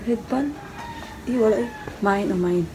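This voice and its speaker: In a medium-pitched voice at a measured pace, a young woman vlogger spoofs a live-selling stream for laughs. She's chatty and teasing, and she keeps calling her audience "guys." The recording carries loud background noise.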